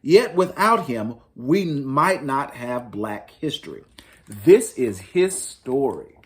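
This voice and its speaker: A man with a mid-range, sing-song voice takes his time as he hosts story time, reading a picture book aloud to families. His delivery is dramatic and emphatic, like a children's storybook reader.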